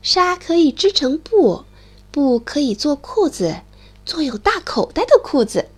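A woman's voice: high-pitched, very animated, a little slow. A woman doing an eager little boy mole. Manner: pleading, chirpy, cries out loudly.

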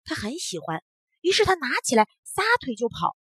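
A woman telling a children's story with lively, swooping intonation and frequent exclamations. Her voice sits fairly high with a husky grain, recorded close and dry. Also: normal speed, no room sound. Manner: expressive, animated storytelling.

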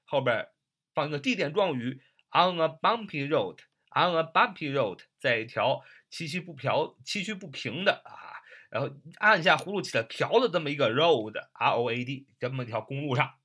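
A man's voice: fairly high pitch, lively intonation, normal speed, sharp tone. A man teaching English vocabulary in a recorded lesson, repeating each word several times, spelling it letter by letter and using many filler particles.

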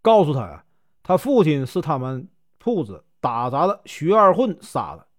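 A shrewd, eccentric old monk, played by a man in a spoken storybook, calm and knowing. The Northeastern-accented voice rises and falls lively in a dry, close recording. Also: a little high, moderate pace, no echo. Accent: Northeastern Mandarin.

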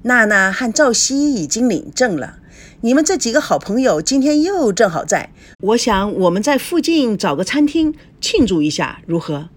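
A woman voicing a gentle, tactful middle-aged mother who smooths things over. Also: fairly high pitch, big pitch swings, normal speed, pitched above the performer's own voice. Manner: soothing, tactful.

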